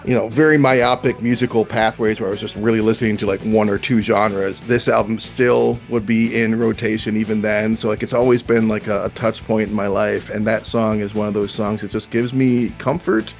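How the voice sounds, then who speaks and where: A man hosting a podcast, talking about an album in a relaxed, chatty, self-deprecating way. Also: on the low side, a little fast, creaky, hardly any pauses, faint music behind. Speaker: podcast host. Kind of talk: casual chat about music.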